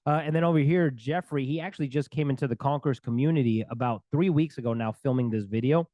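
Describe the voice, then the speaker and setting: A man's voice: mid-range voice, fast, warm tone, no echo, lo-fi sound. A man working as a divorce recovery coach, talking to camera with earnest, faith-filled encouragement. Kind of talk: energetic talk to camera.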